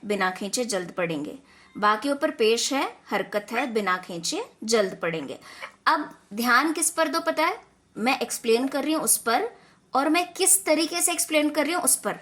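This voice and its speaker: A woman with a fairly high voice leads an online class for children. She explains patiently step by step and keeps checking in with her students over a video call. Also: a bit bright. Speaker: online Quran teacher for children.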